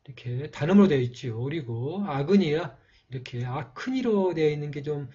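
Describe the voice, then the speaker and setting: A man's voice: on the high side, lively intonation, dark tone, husky, highs cut off. A man teaching a writing lesson, explaining each stroke patiently and stopping often on fillers. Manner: slow, patient, with frequent fillers. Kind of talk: calligraphy lesson narration.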